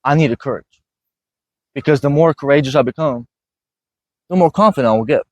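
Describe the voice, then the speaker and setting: A man's voice: medium pitch, brisk, darkish tone. A man from Iraq hosting a casual motivational conversation, earnest and often checking in with "you know what I mean". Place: gym.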